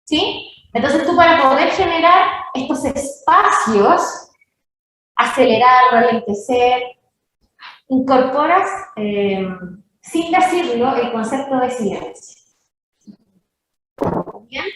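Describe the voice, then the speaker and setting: A woman's voice: high voice, animated, slow pace, long pauses, a bit bright, heavy reverb, distant mic, rough recording. A woman teaching music theory to belly dancers, counting beats aloud and often checking that her students follow.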